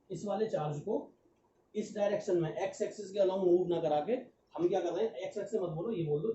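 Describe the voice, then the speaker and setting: A man's voice: a little high, warm tone. A young adult man teaching a physics lesson step by step, asking his students rhetorical questions and slipping phrases into his Hindi, with on the bits. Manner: mixes English phrases into Hindi. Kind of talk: exam-prep lecture. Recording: echoey, distant, muffled lo-fi audio with faint background noise.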